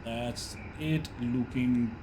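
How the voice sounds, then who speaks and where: Over a clearly noisy background, a man provides live commentary for a flight simulator airshow, narrating each move in clipped phrases while he flies. His medium-pitched voice keeps a fairly even intonation and moves extremely slowly.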